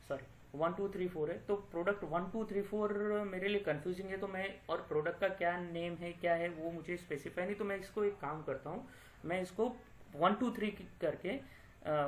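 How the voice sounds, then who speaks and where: A man with a fairly high voice walks through a software tutorial, thinking aloud as he clicks. He often pauses with fillers and corrects himself mid-sentence. A faint hiss runs under the recording. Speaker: data analytics tutor.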